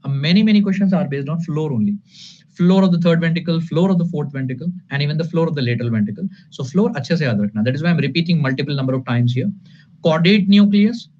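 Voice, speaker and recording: Casting: male online lecturer, Indian accent, slightly high voice, emphatic repeats, Hindi-English mix, lo-fi sound. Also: darkish tone. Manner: emphatic and repetitive, addressing students as sir and guys; switches between English and Hindi. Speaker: anatomy lecturer. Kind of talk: live online exam-prep lecture. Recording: dull lo-fi audio with light noise.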